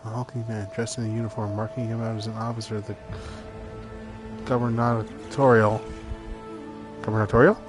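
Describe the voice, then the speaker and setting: A man's voice: fairly low pitch, monotone, very fast, few pauses. Man reading a game aloud over music. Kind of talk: dramatic read-aloud narration of a game with casual asides. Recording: music behind the voice.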